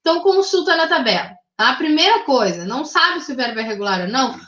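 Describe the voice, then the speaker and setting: A high-pitched woman with a Brazilian Portuguese accent walks her class through grammar rules step by step, patient and methodical, checking in every few phrases. Her voice sits in a roomy space, and the recording sounds slightly dull. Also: expressive, fast talker, fairly bright tone. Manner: patient, methodical, checks in with frequent tag questions. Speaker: English teacher.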